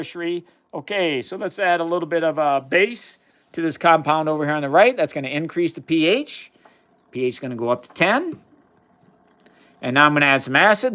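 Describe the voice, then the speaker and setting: A man's voice: on the high side, bright, forceful tone. A man hosting a live chemistry demonstration, explaining experiments casually and enthusiastically while reading viewer chat aloud. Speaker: science livestream host.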